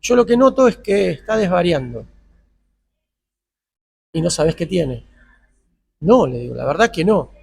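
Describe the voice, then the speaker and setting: Argentine man, father telling an emotional story, high gravelly voice, replays the dialogue. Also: big pitch swings, a little slow, pauses often, a little mellow, slight background noise. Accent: Argentine Spanish. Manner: retells dialogue in quoted voices, tense. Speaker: interviewee, father. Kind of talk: emotional personal account.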